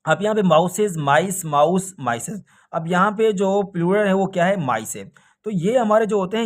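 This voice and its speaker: A man teaching a recorded grammar lesson for an exam, asking questions and answering them himself. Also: high-pitched. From Pakistan. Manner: often ends points with a check-in "okay".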